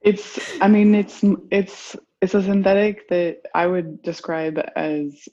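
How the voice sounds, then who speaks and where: A woman's voice: lowish voice, steady tone, takes it slowly, warm tone, highs cut off. A woman in her forties, a perfumer being interviewed, talking casually and rambling with lots of filler words. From United States. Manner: rambling, full of "like" and "you know". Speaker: perfumer guest.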